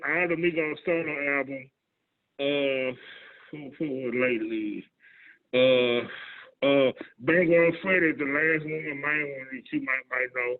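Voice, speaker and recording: A Houston, Texas radio DJ and record promoter in his forties chats on a video call panel, his voice on the high side. He's laid-back and rambling, full of fillers and restarts. The audio is tinny and phone-like, hollow and muffled as though he were speaking into a trash can.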